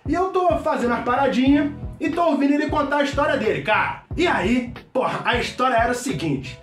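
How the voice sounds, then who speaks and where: A man playing a shouting Rio mechanic. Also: very high voice, lively intonation, a little fast. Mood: boisterous. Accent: Carioca. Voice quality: shouting, swearing constantly, rambling. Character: loud brash slangy male mechanic, middle-aged. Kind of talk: comedy sketch monologue. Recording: echoey room, distant mic, faint music.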